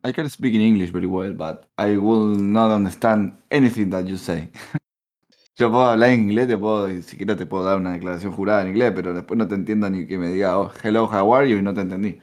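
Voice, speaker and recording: A man with a Rioplatense accent talks in a lowish voice, teasing his co-host and cursing freely. The tone is loose, casual podcast banter. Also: steady tone, brisk, darkish tone. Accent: Rioplatense Spanish. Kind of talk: casual chat.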